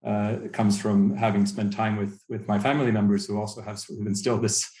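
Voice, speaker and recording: A man in his thirties from Sweden answers podcast questions slowly and thoughtfully, often restarting his sentences. His voice sits fairly low and comes through in an echoey room. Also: little pitch movement, dark tone. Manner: thoughtful, hesitant, many restarts. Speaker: podcast guest, researcher. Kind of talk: podcast interview.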